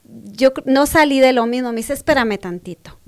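A woman with a Mexican Spanish accent giving a personal faith testimony, softly spoken, often sinking to a breathy half-whisper and acting out the quoted dialogue with rising emphasis. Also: high-pitched, fairly even intonation, moderate pace.

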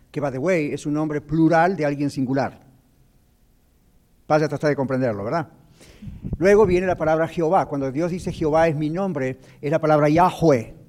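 Radio host, male, mellow and dark-toned, teaching scripture in an explanatory, preaching manner. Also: on the high side. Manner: explanatory, preacherly, mixes English words. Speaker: radio show host, doctor. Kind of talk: radio talk on Bible teaching.

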